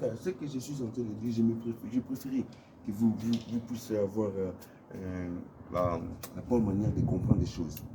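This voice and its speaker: A man vlogging from his home in a casual, halting way, repeating words and filling pauses as he explains. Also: low-pitched, mellow, a little hiss or hum. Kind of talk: casual talk to camera.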